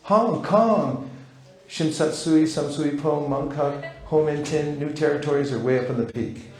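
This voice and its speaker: A man with a higher-pitched, unhurried voice leads a live seminar in a large hall, teaching playfully and acting out little dialogues. The recording has roomy hall sound and background noise.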